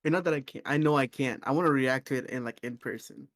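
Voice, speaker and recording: A soft-spoken man, a guest on a stream, chatting quietly and casually. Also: medium pitch, quick pace, dry recording, clean studio sound. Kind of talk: casual chat.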